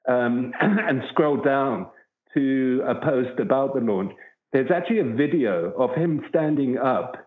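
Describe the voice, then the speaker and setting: An earnest man tells a long, rambling story as an interview guest. His voice comes through a tinny, phone-like line with a hollow echo around it. He sits at a middling pitch for a man. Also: animated, a little slow. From southern Africa. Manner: earnest, rambling anecdotal telling. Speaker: wildlife researcher, guest.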